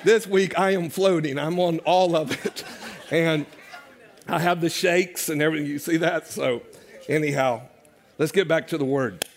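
A man's voice: on the high side, normal speed. An older man preaching a sermon as pastor to his church, conversational and joking with the congregation. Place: church sanctuary.

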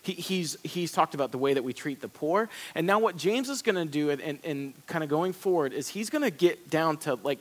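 A man's voice: a little high, lively intonation, a little fast, few pauses. A man preaching a conversational sermon, earnest, often repeating and restarting his words. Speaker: pastor.

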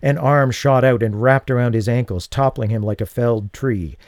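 A man giving a dramatic audiobook narration of a thriller, measured and slowing for tense beats. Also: medium pitch, a little mellow, no room sound, clean studio sound. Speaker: audiobook reader.

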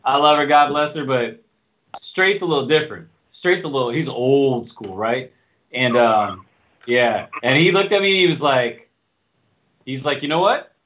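A man's voice: mid-range voice, expressive, measured pace, fairly bright tone, slight background noise. A man hosting a casual podcast chat, talking bluntly and swearing freely. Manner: blunt, profane, straight-talking. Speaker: podcast host. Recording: dull lo-fi recording.

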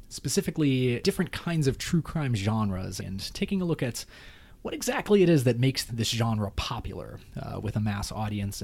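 A man's voice: on the low side, vocal fry, a little mellow, husky. A man hosting a podcast, opening in a playful mock-formal way, then chatting in a conversational tone. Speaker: podcast host. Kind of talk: casual academic podcast chat.

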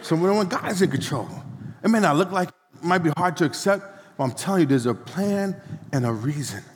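A man's voice: high-pitched, lively intonation, a little fast, some chatter behind, slight background noise. A man preaching a sermon in a church, repeating phrases and leading call-and-response. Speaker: pastor. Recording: long hall reverb.

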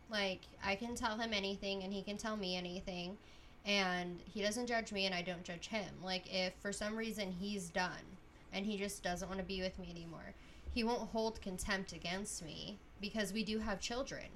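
A woman in her late twenties talks through a casual podcast chat in an earnest, emphatic way. Her pitch sits in an ordinary middle range, and a faint hiss runs under her voice. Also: fairly bright tone. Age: late 20s. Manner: earnest, emphatic advice-giving.

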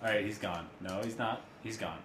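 Low-voiced man in a roomy echo. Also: a little fast, a crowd in the background. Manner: wry, self-mocking, jumpy. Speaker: podcast co-host playing a horror game. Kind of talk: casual let's-play commentary. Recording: echoey room with background noise.

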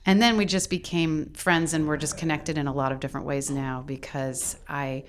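A woman who volunteers as a mentor, speaking in a measured, thoughtful way in an interview. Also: low-pitched, fairly even intonation, a crowd in the background. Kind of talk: casual interview talk.

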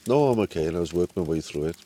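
A man's voice: sits low, lively intonation, very fast, mellow. A man from Wales with a Welsh accent, casually telling anecdotes outdoors. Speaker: visiting angler.

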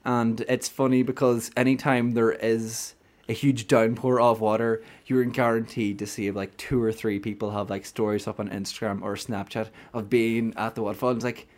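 A man's voice: medium pitch, level tone, normal speed. A young Irish man with a Donegal accent, chatting casually and a bit hesitantly as a host. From County Donegal, Ireland. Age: young adult. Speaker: podcast host. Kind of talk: casual chat.

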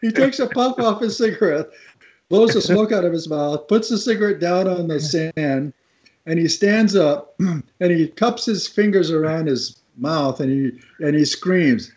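A high-voiced man spins a lively anecdote, acting out the voices and laughing along as he goes. The sound is a bit dull, like radio audio. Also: unhurried. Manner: animated, laughs at his own story, acts out voices. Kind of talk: casual anecdote telling.

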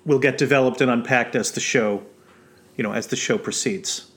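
A man co-hosting a podcast in casual chat, deliberate and hesitant, with many fillers. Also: medium pitch, fairly bright tone. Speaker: podcast co-host.

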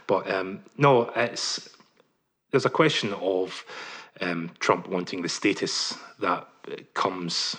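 Journalist guy, kinda husky, lowish voice, lots of ums, careful answers. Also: a bit bright. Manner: measured, many ums, careful hedging. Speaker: journalist guest. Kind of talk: interview answers.

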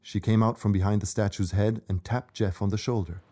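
A man's voice: on the low side, steady tone, brisk, warm tone. A man narrating a scripted children's story as the storyteller.

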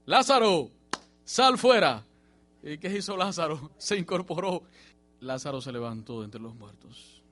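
A man preaching a sermon in a church, swinging from emphatic rising bursts to quiet, low passages. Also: animated, moderate pace, a little hiss or hum. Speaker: pastor.

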